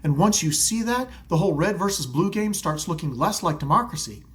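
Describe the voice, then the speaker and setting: A man's voice: sits high, expressive, brisk, a bit bright. A man hosting a scripted satirical political commentary, with a sarcastic, mocking delivery built around punchlines.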